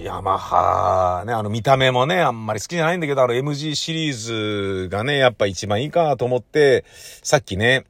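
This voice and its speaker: The recording is dry, capturing a fairly low-pitched middle-aged man who works as an audio drama producer and recordist. He rambles casually by himself, blunt and full of slang, running himself down and playing out his own reactions as the stories unfold.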